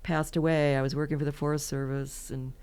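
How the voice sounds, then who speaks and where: A woman's voice: low-pitched, little pitch movement, a little fast, a little mellow, clean tone. A woman in her seventies from California, telling rambling, chatty stories as a podcast guest and laughing often. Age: 70s. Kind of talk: casual interview storytelling.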